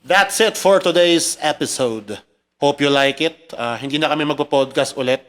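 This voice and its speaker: A man from the Philippines co-hosts a casual podcast, his voice sitting a bit high for a man. He jokes around, swears freely and laughs through the banter. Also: normal speed, fairly bright tone. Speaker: podcast co-host. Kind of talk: casual chat.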